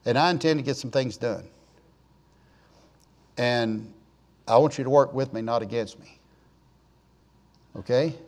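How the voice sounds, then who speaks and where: A man's voice: mid-range voice, a little slow, pauses often, darkish tone. A man in his sixties preaching in a church in a rambling, folksy way, joking and telling stories to the congregation. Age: 60s. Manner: joking storyteller, chatty asides to the congregation. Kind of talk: folksy, rambling sermon talk.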